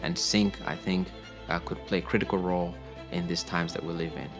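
A man from Rwanda, a tech company founder, calmly explaining his work in a documentary interview. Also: deep voice, brisk. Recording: music bed underneath.

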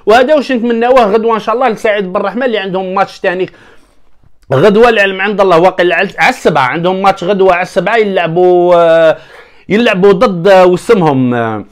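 A young man with an Algerian Arabic accent, rambling animatedly through a casual football commentary vlog and addressing his viewers as brothers. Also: high voice. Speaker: football vlogger.

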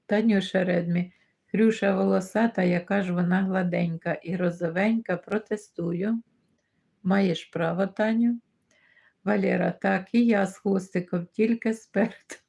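A woman's voice: medium pitch, steady tone, unhurried, gravelly, long pauses, warm tone, husky. A middle-aged woman hosting a live stream, reading out viewer comments and greeting each viewer by name in a casual chat. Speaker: livestream host reading chat.

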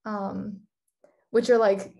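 A woman's voice: mid-range voice, level tone, takes it slowly, vocal fry, a little mellow, lo-fi sound. Gushing young woman from Singapore. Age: young adult. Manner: enthusiastic, many "like" fillers. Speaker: co-host. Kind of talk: casual video-call interview. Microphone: laptop webcam on video call.

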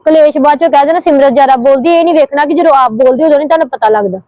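A young woman playing a sharp-tongued, scheming sister-in-law in a short home drama, talking back indignantly. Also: high-pitched, dry recording, lo-fi sound, natural voice. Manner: rapid, retorting, indignant. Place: home, indoors.

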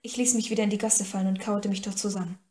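A woman's voice: mid-range voice, level tone, quick pace, mellow. Woman narrating an audiobook, echoey. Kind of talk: first-person audiobook narration. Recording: echoey room.

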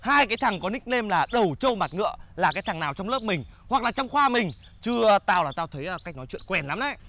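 A man's voice: high-pitched, very animated, quick pace, sharp tone, exaggerated voice. An actor playing a teasing male university student in a comedy short, joking and needling his friends. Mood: joking banter. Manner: teasing, mock-singing dramatically. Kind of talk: comedic short-film acting.

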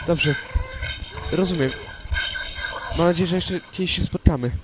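A man's voice: a little high, moderate pace, background noise, natural voice. A man playing a nervous, loyal young hermit exploring in a Minecraft role-play, talking to himself as he goes. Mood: pleading. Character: young male hermit adventurer, anxious but loyal. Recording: loud game music behind.

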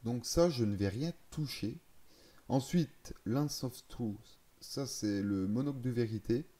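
Speaking slowly in a dark, medium-pitched voice, a man who makes gaming videos talks through a game's settings. His explanation is casual and unplanned, with pauses and self-corrections as he works things out.

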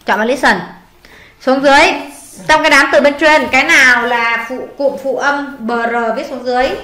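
A high, bright woman's voice with a Vietnamese accent, patiently quizzing a student through an English test. She prompts each answer, confirms it and explains the grammar. The sound is echoey, as if recorded in a bare room. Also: fairly even intonation, moderate pace. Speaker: English tutor. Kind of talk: one-on-one tutoring, going through a test.

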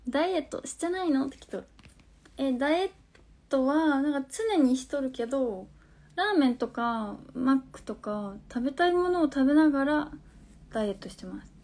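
Streaming live from her phone, a twentysomething woman speaking the Hakata dialect of Fukuoka reads out comments from viewers and replies in a relaxed, chatty way. Her voice sits slightly high and she occasionally slips into quiet, near-whispered remarks. She sounds expressive, keeps a moderate pace, and leaves long pauses.

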